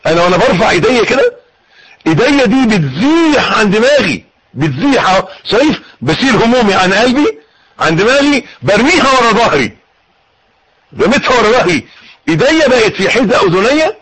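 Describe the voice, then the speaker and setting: Egyptian guy teaching prayer, husky voice, swings up and down a lot, keeps coaxing folks to repeat after him. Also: high voice, fairly quick, low-quality recording. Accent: Egyptian Arabic. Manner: animated, coaxing, demonstrates and drills listeners. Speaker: religious teacher.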